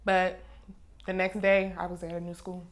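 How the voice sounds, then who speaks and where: A woman's voice: on the low side, moderate pace. Young woman telling stories casually. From Maryland, USA. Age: 20s. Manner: relaxed storyteller, laughs easily. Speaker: music artist guest. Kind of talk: casual interview chat. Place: recording studio.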